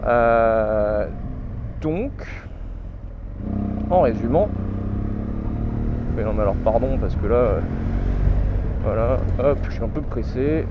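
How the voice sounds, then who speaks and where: A man's voice: mid-range voice, expressive, slow pace, pauses often. A young man, ranting casually in a vlog and swearing a lot. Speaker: vlogger. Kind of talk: casual chat. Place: in a car in city traffic. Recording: muffled with loud traffic noise.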